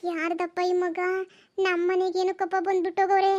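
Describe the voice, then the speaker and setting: A woman voicing chatty village women in a cartoon comedy, in a rapid, gossipy, exclaiming manner. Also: very high-pitched, level tone, darkish tone, lo-fi sound. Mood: calling out.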